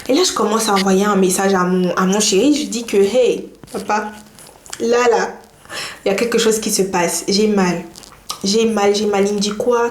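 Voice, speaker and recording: A young woman telling a personal story to her viewers in a lively, chatty way. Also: mid-range voice. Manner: lively, chatty, laughs while telling, addresses viewers directly. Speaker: vlogger. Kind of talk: casual storytime to camera. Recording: echoey room, faint noise.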